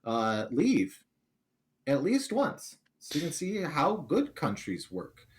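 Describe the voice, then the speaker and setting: A middle-aged American man, a streamer guest in a casual interview, telling animated, self-deprecating anecdotes. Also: fairly high pitch, takes it slowly. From United States.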